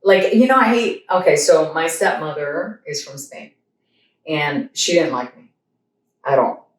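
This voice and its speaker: A chatty woman hosts a relaxed conversation, telling stories with plenty of self-quoting. She sits a little away from the mic in an echoey room, and her voice sits slightly lower than most. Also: a little slow, far from the mic. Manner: chatty storyteller, acts out what others said. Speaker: host. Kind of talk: casual chat.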